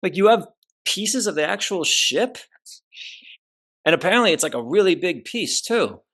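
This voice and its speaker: A man's voice: sits high, very animated, moderate pace, a bit bright. A young man from New Jersey hosting a podcast over a video call, chatting casually and joking with plenty of swearing. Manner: profane, joking, loose. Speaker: podcast host. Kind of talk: casual chat.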